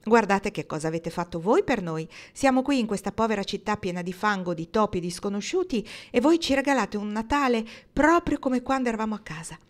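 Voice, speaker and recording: A woman's voice: medium pitch, brisk, hardly any pauses, voice pushed up, natural voice. A woman reading the part of a proud, decisive man among friends in an audiobook, speaking firmly and eagerly in her own raised voice. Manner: firm, eager and lively.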